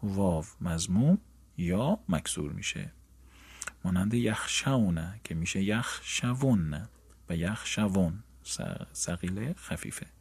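A man teaching a grammar lesson, drilling word forms slowly and then explaining them quickly. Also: deep voice, lively intonation, darkish tone, slightly rough.

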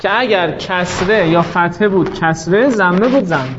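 A man's voice: high-pitched, lively intonation, a bit bright, a little hiss or hum. A man teaching a class, explaining step by step and asking rhetorical questions that he answers himself. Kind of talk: classroom lecture. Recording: dull lo-fi recording.

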